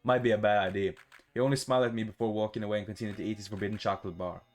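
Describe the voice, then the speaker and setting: Reading a visual novel aloud for a gaming video, this man is casual, expressive and sweary, throwing in his own playful reactions. His voice is fairly low and his pace is racing.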